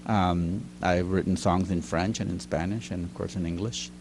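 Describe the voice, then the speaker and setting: A man's voice: low-pitched, fairly even intonation, normal speed, background noise. A middle-aged man, a teacher and writer, telling stories as an interview guest in a chatty way, often laughing. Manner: chatty, laughs often, acts out quoted lines. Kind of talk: casual storytelling interview. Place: recording studio.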